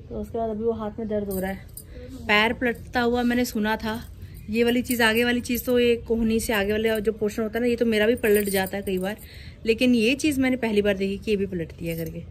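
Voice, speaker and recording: A woman vlogger with a somewhat high voice chats through her day and teases with question after question. She is recorded on a handheld phone. Faint noise sits behind her voice. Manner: chatty, teasing, asks many questions. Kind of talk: casual daily vlog narration. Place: at home and out running errands.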